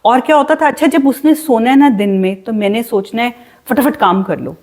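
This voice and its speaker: A woman, co-hosting a casual podcast chat and telling stories with animation. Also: a little high. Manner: animated storytelling, voice rises as she relives her worries. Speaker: podcast co-host.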